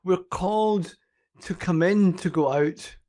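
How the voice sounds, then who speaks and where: A man's voice: sits high, takes it slowly, mellow. An older man co-hosting a faith podcast, talking enthusiastically and rambling with many restarts. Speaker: podcast co-host. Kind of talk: casual faith podcast chat.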